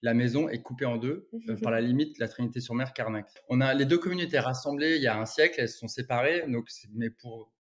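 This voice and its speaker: A man's voice: mid-range voice, quick pace, few pauses. A man from Brittany, a photographer, talking as an interview guest in a rambling way with many restarts. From Brittany, France. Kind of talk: casual interview chat.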